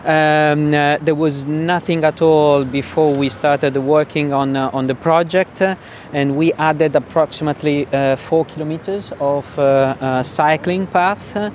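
A man with an Italian accent answers interview questions in a halting, searching way. He is recorded outdoors in the city, with faint traffic noise around him. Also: on the high side, fairly even intonation. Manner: hesitant, halting delivery. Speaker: sustainability officer being interviewed.

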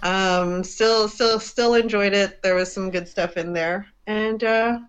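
A woman co-hosting a podcast in casual book chat, relaxed and hesitant with ums and repeated words. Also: medium pitch, takes it slowly, smooth. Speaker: podcast co-host.

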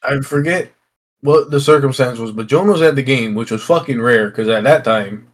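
A young man co-hosting a podcast, chatting casually with friends in loud, matey, sweary banter. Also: medium pitch, moderate pace. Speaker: podcast co-host. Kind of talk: casual chat among friends.

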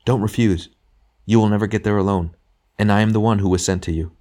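A male narrator plays a serene younger spirit, a redeemed sinner in a storybook. He speaks with calm, kindly frankness and a quiet joy, patiently urging and reassuring. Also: on the low side, fast, pitched above the performer's own voice, lightly acted. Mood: joyful, urging. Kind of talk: literary audiobook character dialogue.

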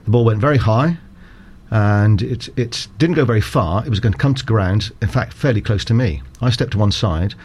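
A man working as a cricket umpire, explaining rules in a measured, formal way as an interview guest. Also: fairly low pitch, a little mellow, breathy edge. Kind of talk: conversational interview.

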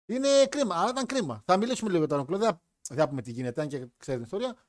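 A man with a high, expressive voice hosts a live wrestling chat stream as a wrestling podcast host. He's chatty and joking, rambling along and restarting his sentences.

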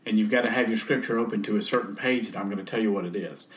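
A middle-aged man in a casual faith conversation, telling folksy stories and softly acting out quoted speech. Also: fairly low pitch, racing. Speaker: guest.

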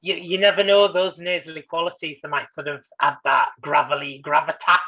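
A man's voice: fairly high pitch, little pitch movement, brisk, dull audio. A man, a university researcher, speaking as a podcast guest in a cheerful, articulate and lightly humorous way. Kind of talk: casual podcast interview.

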